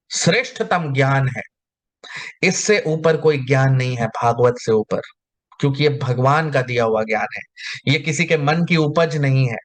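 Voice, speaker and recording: A man giving a scripture lecture, chanting verses slowly and then explaining them line by line. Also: mid-range voice, a bit bright. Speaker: spiritual teacher.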